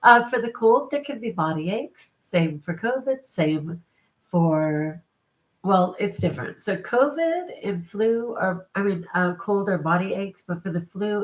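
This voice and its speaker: In this low-quality recording, a middle-aged woman with a fairly low voice sounds congested from a cold. She's a vlogger chatting casually and upbeat on a live stream, laughing between remarks.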